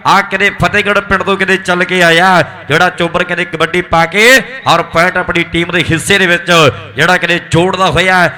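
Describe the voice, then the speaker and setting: High-pitched, forceful Malwai Punjabi kabaddi commentator man. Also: brisk, hardly any pauses. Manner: excited, rhythmic hype with repeated exclamations. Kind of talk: live sports commentary. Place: outdoor village tournament ground.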